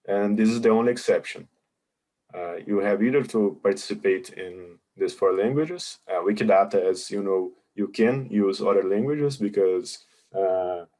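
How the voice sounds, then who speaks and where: Speaking on the low side with a darkish tone, this webinar presenter takes questions on a video call and walks through the contest rules. He is patient and explanatory but hesitant, using many fillers.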